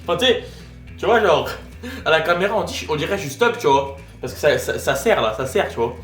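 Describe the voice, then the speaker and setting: A young man chatting casually on his vlog, slangy and animated, laughing often. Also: fairly high pitch, brisk, soft background music. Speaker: vlogger.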